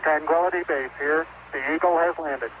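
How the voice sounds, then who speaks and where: A man with a somewhat high voice speaks at a normal speed with fairly even intonation. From a lunar lander, he gives clipped, matter-of-fact radio callouts over a space link full of beeps and static. The transmission sounds noisy and dull.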